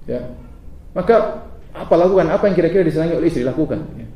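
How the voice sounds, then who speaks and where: A middle-aged man preaching a sermon to a live audience, lively and humorous, often asking the crowd questions. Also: a little high, quick pace. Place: lecture hall with audience. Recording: echoey hall, mic at a distance.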